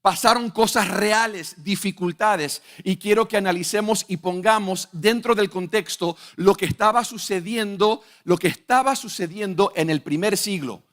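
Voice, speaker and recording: A man's voice: sits high, normal speed, hardly any pauses, a bit bright. A young man preaching a sermon, emphatic and full of rhetorical questions to his congregation.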